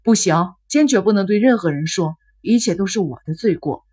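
A guilt-ridden young man speaks in a flat, subdued way, as a woman reading a novel puts him on. The voice is husky and breathy. He sounds withdrawn and weary. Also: medium pitch, a little fast. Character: troubled young man on the phone, remorseful, withdrawn.

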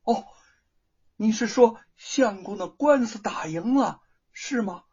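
A man voicing a gentle, eager young woman in a spoken storybook, talking high and excited. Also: a little slow, vocal fry, breathy edge, dull audio, exaggerated voice. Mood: overjoyed.

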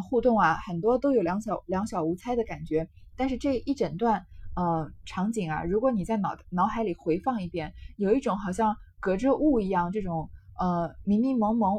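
A woman's voice: mid-range voice, a little mellow, husky. A woman retelling and explaining a classic novel in a chatty way, with many fillers. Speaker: literature explainer. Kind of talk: storytelling commentary.

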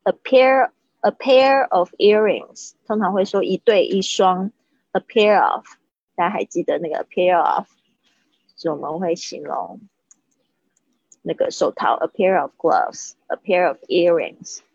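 A woman teaching English vocabulary to Chinese speakers in a chatty livestream, repeating words slowly to model how they sound. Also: fairly low pitch, animated, creaky, a little mellow, husky, no room sound, lo-fi sound.

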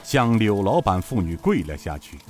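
A man narrating a serialized novel as an expressive, measured storyteller. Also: on the low side, over music.

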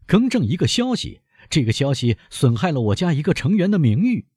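A stubborn, proud young nobleman, as a male audiobook reader puts him on, pitched well above the reader's own low voice and forcefully insistent. The voice has a husky edge and a dry, close sound. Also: very animated, a little fast, no echo. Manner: firm, demanding, proud. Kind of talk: audiobook character voice.

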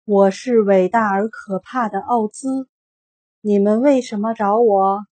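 Storybook humbug wizard, voiced by a woman: old, trembling, slow and booming, dry close sound. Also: steady tone, mellow, no room sound, close to an everyday voice. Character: boastful old humbug wizard, shaken and meek.

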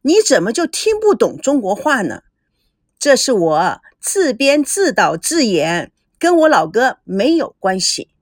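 A woman doing a shrill, spoiled young brat. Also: sing-song, a little slow, dry recording, studio quality. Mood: boastful. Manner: whiny, shrill tantrums. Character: spoiled bratty young woman, clingy and loud. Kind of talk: storybook voice acting.

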